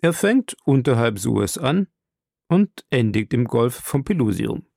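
A stern, proud submarine captain, read by a man in a calm and commanding audiobook voice. His tone is gravelly with fry at the ends of phrases, and the recording is dry and close. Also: medium pitch, a little slow, no echo, heavily acted. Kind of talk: audiobook role reading.

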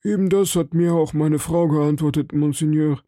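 A man's voice: fairly even intonation, normal speed, warm tone, dry recording, close to an everyday voice. A frightened little shopkeeper pleads and protests in a tight, raised voice, as a man puts him on. He sounds anxious and eager to please. The sound is dry and close. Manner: anxious, pleading, higher-pitched. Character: timid frightened male shopkeeper.

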